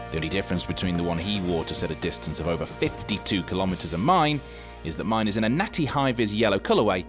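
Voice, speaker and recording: A man narrating a scripted voice-over with a wry, dry humor. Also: fairly low pitch.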